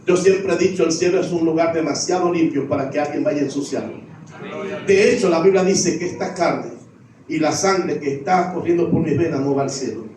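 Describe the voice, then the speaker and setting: A man's voice: fairly high pitch, a little fast, a little mellow, a little hiss or hum. A middle-aged man, a pastor, preaching a sermon with repeated refrains. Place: church sanctuary. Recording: echoey church, voice from far off.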